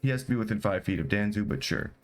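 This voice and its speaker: A man running a tabletop game as game master, animated and quick to slip into character voices. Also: lowish voice, soft background music.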